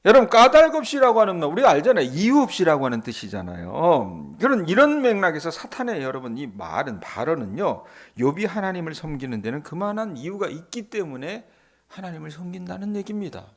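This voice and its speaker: A man's voice: a little high, sing-song, fairly quick. A male pastor preaching an early-morning sermon, often putting rhetorical questions to the congregation. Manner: acts out the Bible dialogue in quoted voices.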